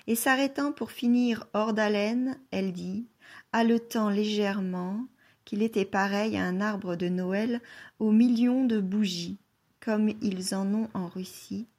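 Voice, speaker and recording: A woman reading a literary novel aloud as an audiobook narrator, in a measured, soft-spoken way. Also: fairly high pitch. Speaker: audiobook reader.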